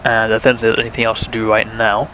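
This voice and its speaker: A man's voice: lowish voice, completely flat delivery, fast talker, bright, forceful tone, a little hiss or hum, poor audio. A young man, chatting casually while streaming a flight sim, thinking aloud and talking to viewers, with a sore throat. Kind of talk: casual live-stream commentary.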